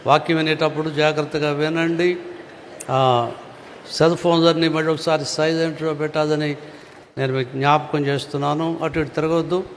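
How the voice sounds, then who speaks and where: A man's voice: fairly high pitch, level tone, moderate pace, slight background noise. A man preaching a sermon as pastor, earnest and given to rhetorical questions. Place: church hall. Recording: long reverb of a church hall.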